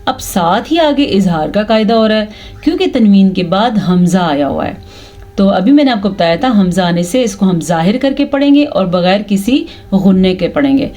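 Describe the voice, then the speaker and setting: A woman with a Pakistani Urdu accent gives a patient tajweed lesson at a middle, even pitch. She explains the rules of pronunciation step by step. Between the explanations she recites the verses slowly and carefully, stretching the sounds. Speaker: Quran tajweed teacher.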